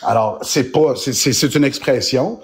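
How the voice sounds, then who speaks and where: Speaking unhurriedly in a medium-pitched voice, a Québécois lawyer makes his case during a live-streamed debate, his French accent clear. He is explanatory but hesitant, often starting over, and a little hiss or hum sits under the recording.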